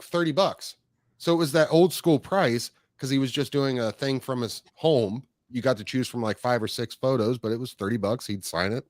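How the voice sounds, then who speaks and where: Animated man telling stories, dry sound. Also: medium pitch, no echo. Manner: animated storyteller, acts out quotes. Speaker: podcast host. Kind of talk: casual chat.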